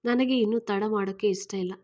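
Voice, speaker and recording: Woman doing a keen thirtyish guy asking her to marry him, soft and persuasive, storybook reading. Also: medium pitch, fairly even intonation, brisk, natural voice. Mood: earnest. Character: earnest man in his thirties proposing marriage.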